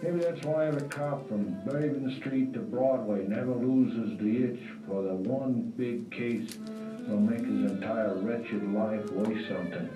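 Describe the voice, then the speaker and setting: A world-weary hardboiled detective drawls his story in a slow, wry, tough-guy voice, as an actor plays him. The recording sounds distant, roomy and dull, with faint music underneath. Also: mid-range voice, natural voice. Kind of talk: film-noir voice-over narration.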